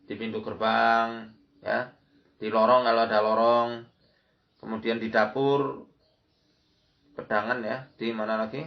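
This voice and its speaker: A man's voice: fairly low pitch, flat delivery, measured pace, vocal fry, pauses often. Male preacher, dull lo-fi recording. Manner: instructional, repeats key phrases. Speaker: Islamic preacher and ruqyah instructor. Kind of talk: religious lecture with recited Arabic prayers. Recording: dull lo-fi audio.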